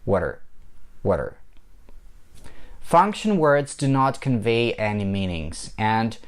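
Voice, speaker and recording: A man with a Russian accent, a native Russian speaker, teaching an English pronunciation lesson and slowly repeating example phrases for practice. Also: medium pitch, very animated, clean tone. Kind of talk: language lesson.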